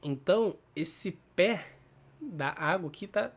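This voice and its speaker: A Brazilian man teaching a casual Portuguese spelling lesson, explaining step by step, thinking aloud and often checking in with quick tag questions. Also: sits high, expressive, husky. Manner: thinks aloud with restarts and self-corrections. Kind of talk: casual spoken grammar lesson.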